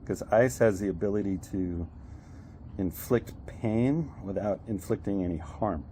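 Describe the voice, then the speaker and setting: A man shivering from cold, talking casually in short, halting phrases broken by sighs. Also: lowish voice, dark tone, slight background noise. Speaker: ice bath participant. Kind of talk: casual talk during an ice bath.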